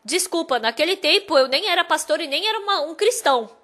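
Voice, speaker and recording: A woman delivers a sermon by retelling a personal story, her voice sitting high for a woman. She moves between hushed reflection and emphatic stretches, keeping the telling lively. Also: fairly quick. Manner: animated storytelling, loudness swinging from hushed to emphatic.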